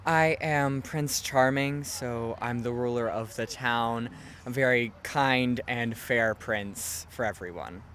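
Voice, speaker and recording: A man's voice: medium pitch, slow, a bit bright, slight background noise. A man cast member outdoors, giving modest, brief answers. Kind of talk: casual interview answers. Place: outdoor theatre stage.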